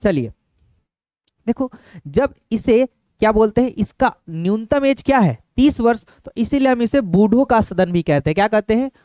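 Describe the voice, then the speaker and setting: Smooth-voiced man teaching an exam-prep lesson. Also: high voice, expressive, moderate pace, warm tone, dry recording, clean studio sound. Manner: repeats points and asks the class rhetorical questions; calls viewers friends.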